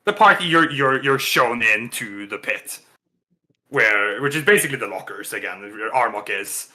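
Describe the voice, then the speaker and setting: A man's voice: mid-range voice, animated, normal speed, pushed and bright. A man narrating a tabletop game as game master, rambling with lots of restarts. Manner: rambling, full of fillers and restarts, laughs often.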